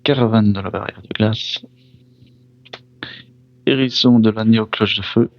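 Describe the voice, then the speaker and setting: A man opens trading card packs in casual commentary, reading each card name aloud one by one and pausing for brief reactions. He apologizes when he mispronounces foreign names. His voice is fairly low with fairly even intonation, on a dry recording with the highs cut off.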